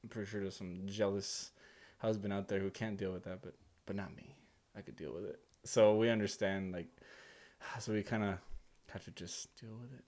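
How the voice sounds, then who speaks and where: A man's voice: on the low side, fairly even intonation, moderate pace, darkish tone. A man in his thirties, a father and podcast co-host, in a casual chat, talking animatedly and laughing often as he acts out voices.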